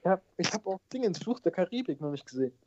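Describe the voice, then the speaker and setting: A man's voice: high-pitched, very animated, fast talker, highs cut off. Man, quiz player, casual chat, blunt, self-mocking, faint noise.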